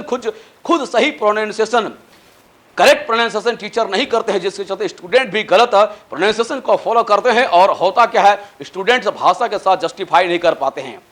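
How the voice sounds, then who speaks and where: A man with a fairly high voice and an Indian accent teaching an English lesson. He spells out each word letter by letter and stretches his English example sentences slowly. He presses his students to learn the material by heart. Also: a bit bright. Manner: lecturing, exhorting students to memorize. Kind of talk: spoken English lesson in Hindi.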